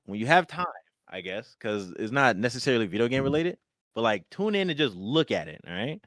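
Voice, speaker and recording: Casual podcast host, man, animated intonation, filler-heavy, dry close mic. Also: fairly quick, no echo. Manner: rambling, full of filler words, lively pitch. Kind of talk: casual chat.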